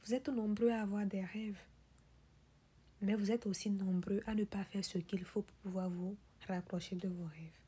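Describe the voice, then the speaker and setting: A woman delivering a motivational speech in a whispery, breathy voice, pressing the listener with insistent rhetorical questions and repeated refrains. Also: medium pitch, fairly even intonation, normal speed, dark tone. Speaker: motivational speaker.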